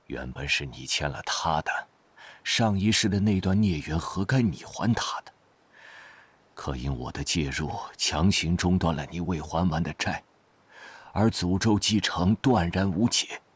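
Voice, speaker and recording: Husky, very deep old mystic. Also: male voice, lively intonation, no room sound, full character voice. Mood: solemn, grave. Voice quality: raspy, breathy bass. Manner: slow, sighing, archaic wording. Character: solemn old male mystic spirit, weary and reproachful. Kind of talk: dramatic audio drama acting.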